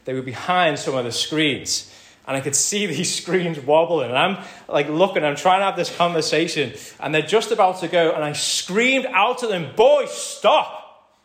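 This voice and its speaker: A man with a British accent preaching a sermon in a conversational way, calling the congregation "folks" and swinging between loud emphatic lines and soft quiet asides. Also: on the high side, normal speed, few pauses. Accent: British English. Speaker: pastor. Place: church hall. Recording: roomy church hall with faint ambience.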